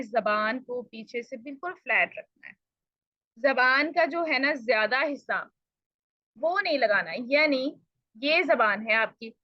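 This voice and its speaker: A woman teaching a recitation lesson, explaining patiently and repeating each sound slowly to demonstrate it, with polite address. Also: high-pitched, dry recording, lo-fi sound. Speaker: tajweed teacher. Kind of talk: recorded pronunciation lesson.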